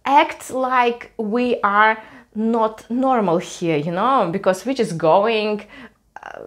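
A young Russian woman vlogger, speaking with a Russian accent, tells a story to camera from a small, cluttered room at home. Her voice is fairly high and slow, and she is hesitant, using many fillers.

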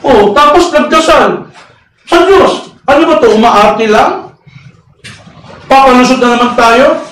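High-voiced man arguing in an echoey room. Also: unhurried. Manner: loud, sometimes shouting, with rhetorical questions. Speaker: debater. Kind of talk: heated debate argument. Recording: echoey room, voice far from mic, faint noise.

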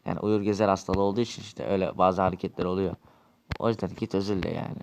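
Man, deep gravelly voice, quarrelsome swearing role-play, Minecraft series, noisy amateur recording. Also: fairly even intonation, rapid-fire, darkish tone.

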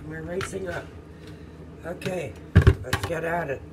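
A man's voice: a little high, unhurried, gravelly. Chatty man vlogging at home, distant mic. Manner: chatty, thinking aloud with fillers. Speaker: soap-making vlogger. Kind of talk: casual how-to vlog. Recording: distant mic, air-conditioner hum.

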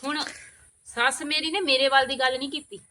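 A woman's voice: sits high, steady tone, fairly quick, pushed and bright, slight background noise. A woman with a Punjabi accent acting in a village short film, complaining and ranting in an aggrieved way.

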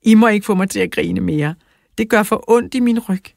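A woman's voice: medium pitch, vocal fry, darkish tone, dry recording, clean studio sound, voice pushed up, natural voice. A woman voicing a cheerful grown woman laid up with a sore back, in a children's audiobook. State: in pain from her back.

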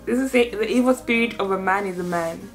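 A young woman hosts a casual chat vlog indoors in her bedroom, teaching phrases in a playful way and laughing often. Her medium-pitched voice moves fast, with faint music behind her.

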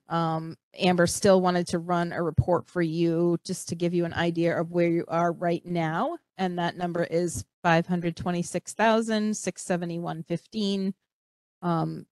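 A woman's voice: fairly low pitch, darkish tone, dry recording. A woman reporting budget figures in a plain, matter-of-fact way at a school board meeting in a library room, picked up by a far camera. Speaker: district business administrator. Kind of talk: meeting discussion.

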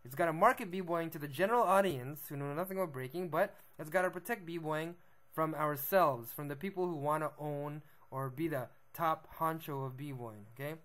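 A man's voice: on the high side, normal speed, few pauses, fairly bright tone. A young man, a b-boy, talking through a list of points in a casual monologue and often checking in with "okay?" and "right?". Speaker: b-boy vlogger.

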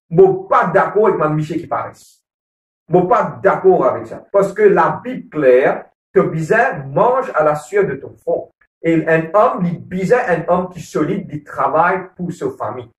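A man's voice: on the high side, recorded from a distance. A man with a Mauritian Creole accent, talking earnestly about marriage at a church gathering, repeating his points and often checking in with "ok?". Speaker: married churchgoer speaking on a couples program. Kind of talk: casual church talk on marriage. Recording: roomy echo, voice from away from the mic.

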